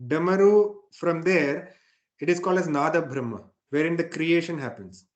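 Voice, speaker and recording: A man's voice: a little high, normal speed, dull audio. A man explaining scripture informally as a spiritual teacher, often checking in with a short questioning tag. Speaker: spiritual teacher leading a satsang.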